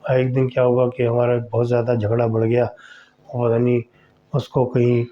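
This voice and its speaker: A man's voice: mid-range voice, monotone. A man hosting a podcast, telling a horror story in a chatty, conversational way and speaking directly to the listener. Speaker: storyteller host. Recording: slightly dull lo-fi recording.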